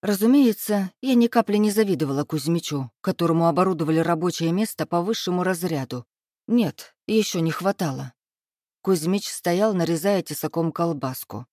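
A woman reads a first-person novel aloud in a lively, sharp-tongued manner. Her voice sits low for a woman, and the studio sound is dry and close. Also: normal speed, no echo. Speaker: audiobook narrator.

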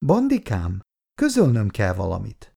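A man voicing an indignant, sharp-tongued young wife in a raised voice. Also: huge pitch swings, creaky, exaggerated voice. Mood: reproachful. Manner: raised pitch, reproachful.

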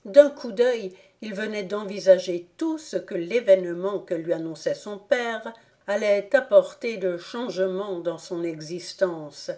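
A woman narrating a classic novel as an audiobook, calm and measured. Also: medium pitch.

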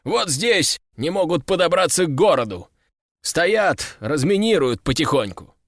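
A man's voice: fairly high pitch, big pitch swings, unhurried, no echo, clean studio sound, heavily acted. A man voicing a weary, dutiful army general reporting in an audiobook.

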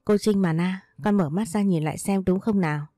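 Woman voicing kind husband, soft patient delivery, dark mellow tone, dry close sound, audio story. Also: medium pitch, fairly quick, no echo, natural voice. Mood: soothing. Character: gentle caring adult husband, man. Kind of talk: read storybook dialogue.

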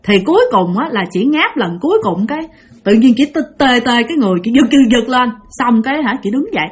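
A woman's voice: a little high, animated, quick pace, husky. A woman telling a ghost story, chatty and emphatic, and talking straight to her listeners. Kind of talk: ghost story narration to an audience.

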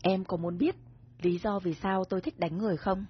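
Woman reading as a gentle husky young heir. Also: mid-range voice, steady tone, normal speed, lightly acted. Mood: tender. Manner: soft, gentle, coaxing. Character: young rich heir, domineering but tender man. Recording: dull recording with soft music.

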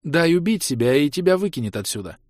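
Man doing a quiet, hoarse young woman. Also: on the high side, big pitch swings, quick pace, no room sound, studio quality, voice pushed up. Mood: subdued guilty. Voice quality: hoarse, breathy. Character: young woman, guilty and subdued. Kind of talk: audiobook character reading.

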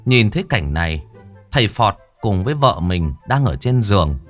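A man narrating a comic folk tale in a lively, animated storytelling manner. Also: fairly low pitch, normal speed, soft background music.

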